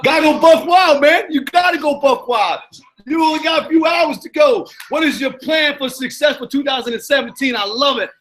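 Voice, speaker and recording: At a normal speed, an Arizona-based motivational coach with a New York accent delivers a live-stream Q and A monologue in a high, bright, forceful voice. He's preachy and emphatic, repeating his points and regularly checking in with listeners by asking "you know what I'm saying."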